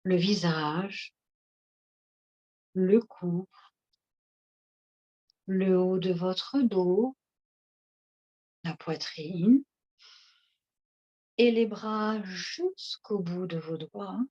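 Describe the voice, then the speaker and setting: A woman leading a guided seated relaxation session, speaking in a slow, soothing, instructive way. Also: fairly low pitch, mellow. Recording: dull lo-fi recording.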